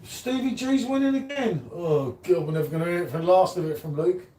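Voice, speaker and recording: A man's voice: high voice, animated, brisk, dark tone, distant mic. A man around fifty, co-hosting a live beer review stream and chatting casually with teasing, rambling banter. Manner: teasing, rambling, chatty, says "mate" often. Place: indoor room, live stream. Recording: roomy, off-mic, faint background hum.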